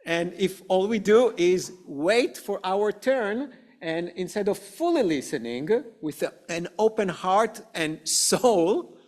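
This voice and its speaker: A man teaching an adult education class in a slow, conversational way, often checking with "okay?" and asking the group questions. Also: sits high, animated, a little mellow. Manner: frequent "okay?" and "right?" checks, many "uh" fillers. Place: synagogue classroom.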